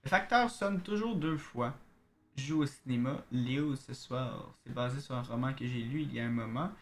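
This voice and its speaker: A man's voice: mid-range voice, slight background noise. A man with a Québécois French accent streaming a game, reading in-game letters aloud and chatting casually with viewers. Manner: casual, chats to viewers, reads letters in a slow narrating way.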